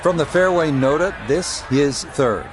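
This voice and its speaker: A man performing as a lead golf commentator, giving measured, polished play-by-play for a video game broadcast. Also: fairly high pitch, animated, noisy background. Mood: composed. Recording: music and crowd behind. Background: music and crowd.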